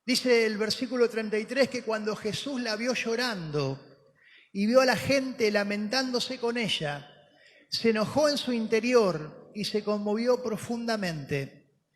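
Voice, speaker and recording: A man preaching a sermon as pastor, telling the story dramatically and moving from soft, slow words to emphatic ones. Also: high-pitched. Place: church hall. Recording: long hall reverb.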